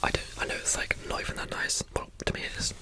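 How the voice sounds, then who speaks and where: A young adult whispers in a fast ASMR style, all breath and no voice. The delivery is informal and rambling, with words often repeated, like someone answering questions off the cuff.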